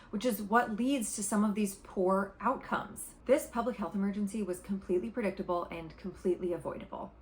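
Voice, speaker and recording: A woman vlogger talking straight to her viewers, making an argument with emphatic repetition and passion. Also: mid-range voice. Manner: passionate, emphatic, repeats points for stress. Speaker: political commentary vlogger. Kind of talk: opinionated direct-to-camera commentary.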